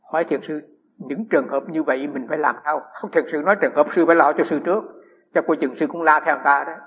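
A middle-aged Buddhist monk gives a dharma talk in a husky, fairly high voice. He tells anecdotes and keeps asking his audience rhetorical questions. The dull, lo-fi recording carries a long hall reverb. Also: steady tone, fast.

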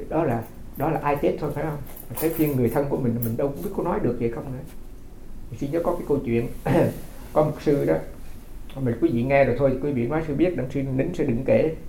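A man's voice: medium pitch, gravelly, mellow, reverberant, slight background noise, poor audio. A man who is a Buddhist monk from Vietnam, giving a dharma talk as folksy storytelling, often repeating his words.

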